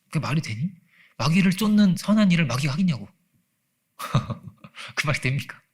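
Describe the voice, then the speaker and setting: A man's voice: on the high side, animated, normal speed, breathy edge. A man pastor preaching a conversational Sunday sermon in a church, asking his listeners rhetorical questions and acting out quoted voices. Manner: acts out quoted voices, laughs often. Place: church sanctuary.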